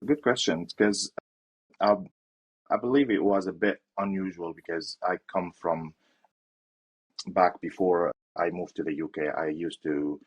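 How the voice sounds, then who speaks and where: A man's voice: low-pitched, a little slow, poor audio. A young man from Syria answering interview questions in a hesitant way, with fillers and restarts. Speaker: interview guest.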